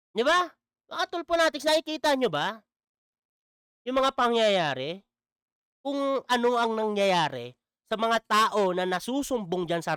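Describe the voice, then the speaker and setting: Guy ranting in his vlog, keeps going "di ba?", smooth highish voice, dry sound. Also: pushed and bright, no echo. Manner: mocking, repeats "di ba?". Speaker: vlogger. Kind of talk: casual commentary vlog.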